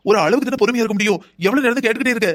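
A voice actor playing an angry middle-aged mother in a cartoon drama, scolding in a rapid-fire way. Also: fairly high pitch, close to an everyday voice. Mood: furious. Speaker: bride's mother.

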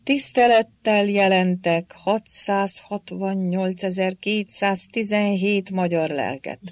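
A narrator voicing a blunt, gruff old male war hero who booms and grumbles in an audiobook. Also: lively intonation, dry recording, studio quality, close to an everyday voice.

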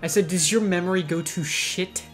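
A man's voice: high-pitched, normal speed, soft background music. A young man chatting casually and sarcastically as co-host of a gaming session. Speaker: let's play co-host.

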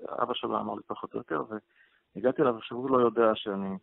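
A man, a rabbi and radio guest, telling a story from his past in an interview, halting with fillers as he goes. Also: mid-range voice, steady tone, vocal fry, no echo. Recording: phone-line radio call, dry.

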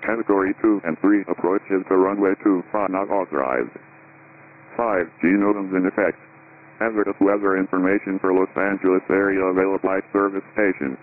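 A man reading a recorded airport weather broadcast, giving weather figures and notices in a steady, clipped radio readout. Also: low voice, brisk. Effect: airport weather broadcast over radio. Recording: tinny radio band with faint hiss.

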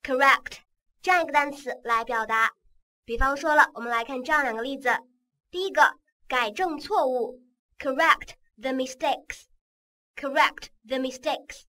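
A female English teacher leads a vocabulary lesson, patiently repeating words and spelling them out slowly in a coaxing classroom manner. Her voice is high with a sharp tone.

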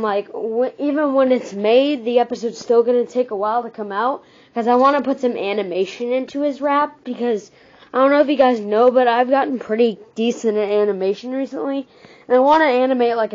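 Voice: mid-range voice, a little mellow. A YouTube creator giving a casual, rambling channel update through a voice changer app filter. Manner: rambling, full of "um" and "like". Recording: dull lo-fi phone app recording.

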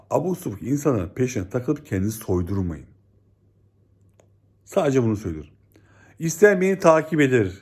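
A man giving a scolding, exasperated monologue as a stock market commentator, swinging between loud outbursts and low, stern warnings. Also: slightly rough. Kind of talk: ranting video monologue.

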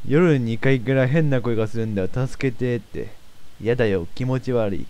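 A man's voice: medium pitch, moderate pace, dark tone, close to an everyday voice. A man doing a grumbling sulky boy.

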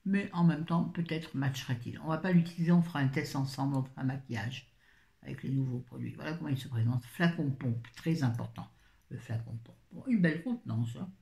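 A woman's voice: rumbling low, brisk, creaky, warm tone. A woman beauty vlogger chatting casually through a product haul, with wry asides and frequent fillers. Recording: echoey room.

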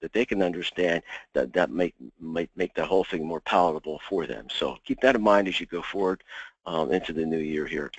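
A man giving an insurance webinar, walking through slides in a halting way with many ums and uhs. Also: sits low, no echo, low-quality recording. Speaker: insurance sales presenter.

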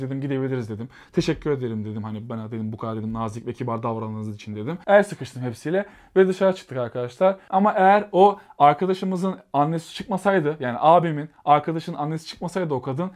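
Young male vlogger, quick storyteller, slightly high voice, animated. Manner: animated, acts out quotes with rising pitch. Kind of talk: storytelling vlog.

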